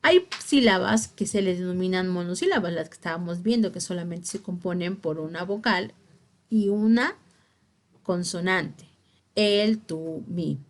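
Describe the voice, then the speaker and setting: A woman's voice: lowish voice, a little slow. A woman teacher giving a spelling lesson to her students, stressing key words and checking that they follow along.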